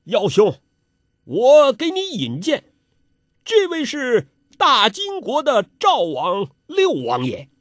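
A man's voice: very high-pitched, wildly swooping pitch, takes it slowly, no room sound, voice pushed up, full character voice. A man voicing a proud, scheming older martial-arts master in a theatrical, exclaiming way. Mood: boastful.

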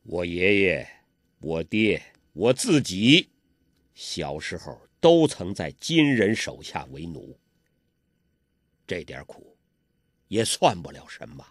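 A man voicing an elderly male master who speaks low and softly, with a sigh in his words. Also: sing-song, slow, pauses often, dry recording, studio quality, full character voice. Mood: weary, gentle. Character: old male master, weary and kindly.

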